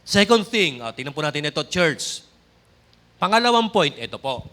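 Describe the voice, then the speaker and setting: A man's voice: a little high, very animated, moderate pace, bright, forceful tone. A man with a Filipino accent preaching a sermon, switching between Tagalog and English and often addressing the congregation directly. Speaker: pastor.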